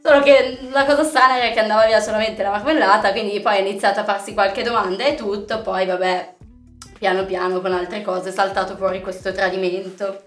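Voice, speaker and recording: A woman hosting a casual chat, talking in a chatty way and often ending points with quick tag questions. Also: medium pitch, steady tone, fairly bright tone, echoey room, soft background music.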